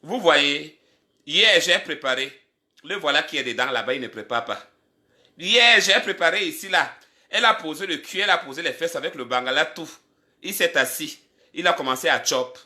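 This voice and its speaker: A man's voice: fairly high pitch, animated, moderate pace. A man hosting a casual livestream from home into a phone, talkative and teasing, with his voice sometimes drifting away from the mic. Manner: talkative, teasing, switches to quiet aside on phone calls. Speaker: livestream host.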